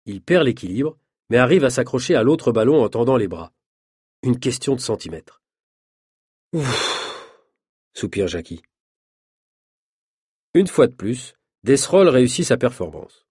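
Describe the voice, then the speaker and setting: A man narrating an easy-reader story aloud in a measured, clearly articulated manner. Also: medium pitch, big pitch swings, darkish tone, no echo, clean studio sound. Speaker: audiobook narrator. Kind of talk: reading an easy French story.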